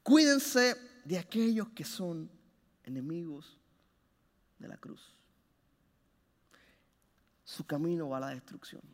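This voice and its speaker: High-voiced man preaching in a reverberant hall. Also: sing-song, slow pace, long pauses. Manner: impassioned, swings from loud urging to hushed low phrases. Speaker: pastor. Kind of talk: sermon.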